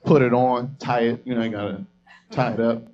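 A man's voice: medium pitch, little pitch movement, brisk, dull audio. A man doing a stand-up comedy set on a club stage, telling a crude story in a brash, profane way and talking to the crowd.

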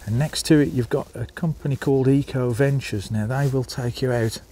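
A Birmingham-accented vlogger strolls outdoors through a small seaside town, phone in hand, chatting to viewers and calling them folks as he narrates. He speaks at normal speed in a mid-range, dark-toned voice with fairly even intonation, against slight background noise.

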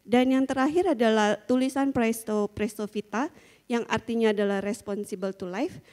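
A middle-aged woman speaks to a conference audience through a handheld microphone, her voice fairly high. She tells her stories in a loose, chatty way, full of fillers and little laughs. The sound carries a long reverb from a large hall. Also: fairly even intonation, moderate pace, a little mellow. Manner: chatty storytelling with frequent fillers and small laughs. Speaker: school founder giving a conference talk. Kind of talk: conference talk.

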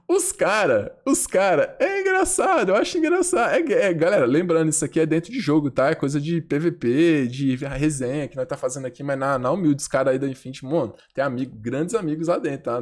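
A man's voice: fairly high pitch, a little mellow. A man with a Brazilian accent giving live gameplay commentary to his chat, slangy and provocative, repeating phrases like chants. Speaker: game streamer.

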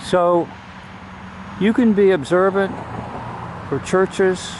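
A man giving earnest, measured religious commentary while filming a church outdoors. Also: high voice. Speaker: video host. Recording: outdoor street noise behind.

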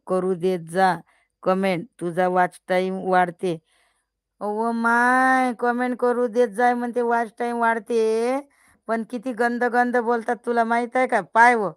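A woman's voice: medium pitch, clean tone, no room sound, studio quality. An older woman hosting a casual live stream, teasing and scolding her viewers and often breaking into laughter.

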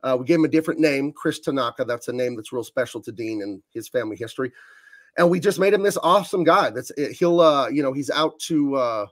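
A man's voice: mid-range voice, fast, dry recording. A man who is a comic book artist, chatting as a guest in a verbose, rambling way. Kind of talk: casual chat.

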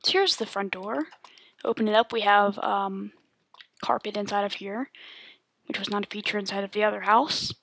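A woman's voice: medium pitch, normal speed, breathy edge. Woman rambling through a game tour. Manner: relaxed, rambling with many ums. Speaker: gamer giving a world tour. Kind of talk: casual game tour narration.

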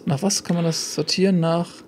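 A man's voice: on the high side, fairly even intonation, moderate pace, slight background noise. A man giving casual gameplay commentary as a let's play host, chatty and jokey, talking to himself and the game.

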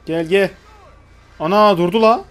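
A man's voice: high-pitched, measured pace, faint music behind. A young man giving casual, joking gameplay commentary, chatting to the characters on screen and swearing lightly. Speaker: gaming YouTuber.

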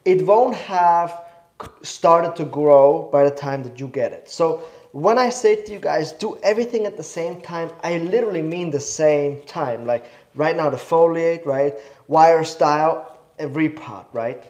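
Hosting a live bonsai demo in an indoor studio, a young man from Switzerland teaches eagerly, rambling and correcting himself, with a slight cough. His voice is fairly high and a little mellow, his pace measured, and the recording sounds roomy.

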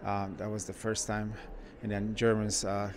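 A man who runs a car shop, walking through a car museum and giving casual, enthusiastic commentary with frequent pauses. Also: on the low side, monotone, noisy background. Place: indoor car museum halls.

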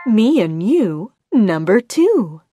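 A woman working as a bingo caller, announcing each call deliberately in short, separate phrases. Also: mid-range voice, very animated. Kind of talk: bingo calling with rhyming nicknames, announced number by number. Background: music.

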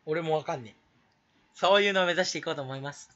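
A man's voice: fast, fairly bright tone, highs cut off. A man YouTuber rambling in a casual solo rant to camera, self-mocking and jumping between topics. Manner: rambling, self-mocking, bursts into shrill imitated laughs.

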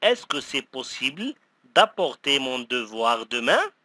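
Crisp, bright man reading lesson phrases. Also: medium pitch, big pitch swings, dry recording. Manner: says each phrase twice, slowly and clearly. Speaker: language teacher.

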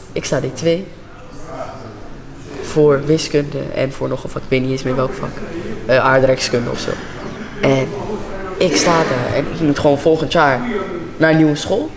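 Higher-voiced young man telling a story. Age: young adult. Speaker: interviewee. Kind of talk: casual personal storytelling. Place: large carpeted prayer hall indoors.

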